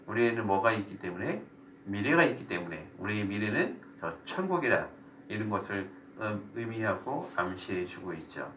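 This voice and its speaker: A man's voice: fairly low pitch, fairly bright tone. A man pastor leading a Bible study sermon, asking the group questions and explaining. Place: church room. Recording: echoey room, voice from a distance, faint noise.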